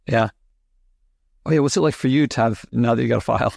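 A man hosting a podcast interview, asking questions in a halting, stuttering way as he searches for words. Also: mid-range voice, vocal fry, a little mellow, dry recording. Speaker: podcast host. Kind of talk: conversational interview.

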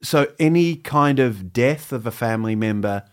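An English comedian in his fifties, appearing as an interview guest, talks candidly and self-mockingly about himself in a rambling flow. He keeps stopping and restarting and slips in quick put-on voices for jokes. His mid-range voice has lively intonation and a clean tone, and his English accent carries a faint New Zealand touch.

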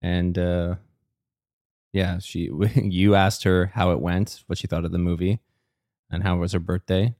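A man with a very low, deep voice that sounds a little strained today. He co-hosts a podcast in easygoing, rambling chat. The sound is dry and close, with no room around it. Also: unhurried, no echo. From Canada. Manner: relaxed, rambling storyteller. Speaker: podcast co-host. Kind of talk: casual chat.

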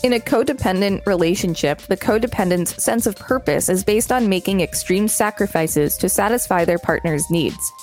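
A woman with a medium-pitched, darkish voice speaks at a moderate pace with few pauses over soft background music. Co-hosting a podcast, she reads encyclopedia material aloud as scripted narration and adds brief casual commentary.

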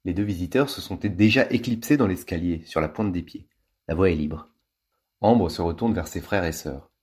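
A man's voice: sits low, moderate pace, husky. A man reading a children's novel aloud, playfully and with lots of expression. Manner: lively, playful. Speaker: storybook reader.

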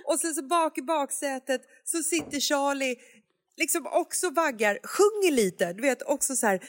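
A woman's voice: sits high, animated. A woman in a casual chat, playfully teasing and painting funny scenes.

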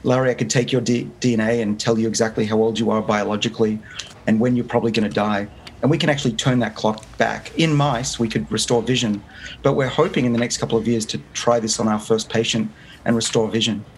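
An Australian man in his fifties, a guest on a remote interview, earnestly explains his research with frequent restarts. His mid-range voice keeps a steady tone at a quick pace. The recording is low quality, with faint background noise.

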